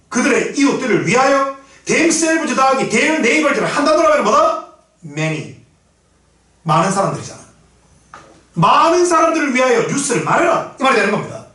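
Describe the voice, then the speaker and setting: Man, English teacher, classroom lecture, blunt, profane, high bright voice, echoey distant classroom. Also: sing-song, normal speed, long pauses. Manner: blunt, profane, shouting at times, drills pronunciation. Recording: very echoey room from far off.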